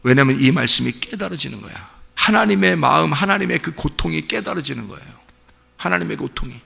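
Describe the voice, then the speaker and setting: A male pastor preaching an impassioned sermon at a dawn church service, swinging between hushed asides and emotional outbursts. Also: mid-range voice, animated, fast talker, creaky, husky. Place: church sanctuary. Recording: reverberant church hall.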